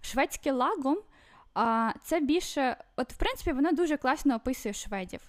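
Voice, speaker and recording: Woman, podcast guest, very high voice, chatty and loose, lots of fillers. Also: lively intonation, moderate pace. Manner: chatty, full of fillers and restarts. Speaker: podcast guest living in Sweden. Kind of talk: casual chat.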